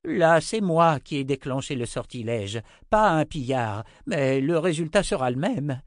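A man voicing a cranky, fussy old male wizard who shouts and frets in an audiobook. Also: lively intonation, unhurried, no room sound, studio quality. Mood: urgent. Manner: shouting, high-pitched, exasperated.

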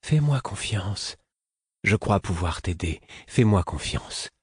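A man reading an audiobook voices a gentle male jester who murmurs and pleads as he tends to someone. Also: a bass voice, moderate pace, husky, no room sound, clean studio sound, full character voice. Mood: pleading. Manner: soft, coaxing, murmured.

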